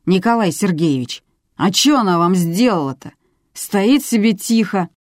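A woman's voice: mid-range voice, lively intonation, unhurried, no echo, studio quality, voice pushed up, natural voice. A woman voicing a timid young policeman. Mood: pleading. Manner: apologetic, earnest.

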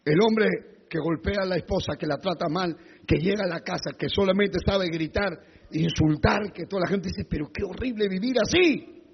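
Brief: male pastor, emphatic sermon delivery, husky gravelly voice, long reverb on a dull lo-fi recording. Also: high voice, moderate pace. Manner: emphatic, repetitive rhetorical questions.

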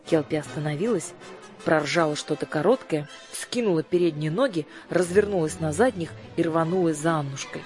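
A woman narrating an audiobook in a lowish voice, measured and expressive, pacing the story with care. Faint music plays softly behind her reading.

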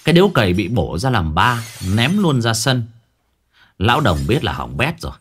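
A man's voice: mid-range voice, big pitch swings, normal speed, slight background noise. A man narrating a comic folk tale in an earthy, colloquial way. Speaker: storyteller.

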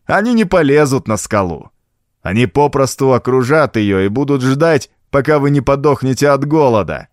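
A man's voice: medium pitch, big pitch swings, normal speed, dry recording, clean studio sound, lightly acted. A man voicing a scornful, cunning male woodsman in an audiobook, with a taunting, contemptuous manner. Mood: mocking. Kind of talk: audiobook character voice.

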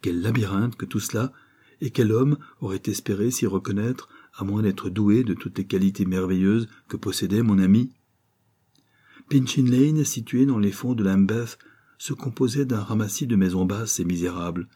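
A man narrating a classic novel as an audiobook, reading in a measured, descriptive way. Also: lowish voice, mellow, slightly rough. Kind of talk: scripted literary narration.

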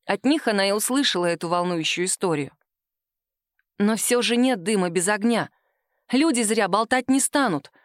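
A woman's voice: mid-range voice, expressive, normal speed, no echo, clean studio sound. Woman narrating an audiobook.

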